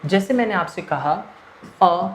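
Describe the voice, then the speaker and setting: A man's voice: high voice, expressive, slow. A male English grammar teacher lecturing in a mix of Hindi and English, posing rhetorical questions and answering them himself. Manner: switches between Hindi and English mid-sentence. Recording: echoey room with faint noise.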